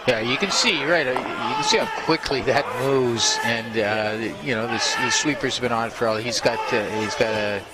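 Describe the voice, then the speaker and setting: A man giving unscripted, conversational color commentary on curling, analyzing in a halting way. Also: medium pitch, very noisy.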